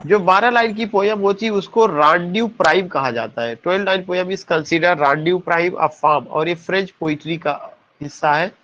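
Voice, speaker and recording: Guy teaching an online class, highish voice, kinda dull lo-fi audio, spells stuff out slow. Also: a bit bright. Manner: explains terms slowly, spells words letter by letter; poses questions to the class and answers them. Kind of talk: exam-prep lecture.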